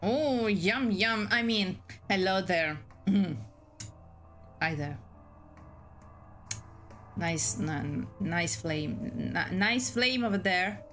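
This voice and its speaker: Slow-reading young woman playing a game. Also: mid-range voice, animated, fairly bright tone, soft background music, poor audio. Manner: unhurried reading with stumbles and playful asides. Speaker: game streamer reading a visual novel aloud. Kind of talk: casual gameplay narration with character voices.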